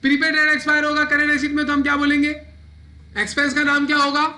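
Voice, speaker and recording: A man's voice: very high-pitched, monotone, fast talker, sharp tone. A man teaching an accounting class, asking his students questions and answering them himself. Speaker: accounting lecturer. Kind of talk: classroom lecture.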